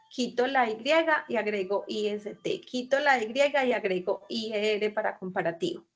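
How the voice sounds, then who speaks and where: Colombian woman teacher, patient and methodical, higher voice, unhurried delivery, online class over video call. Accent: Colombian Spanish. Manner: patient, explanatory, often checks with "¿cierto?". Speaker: English teacher.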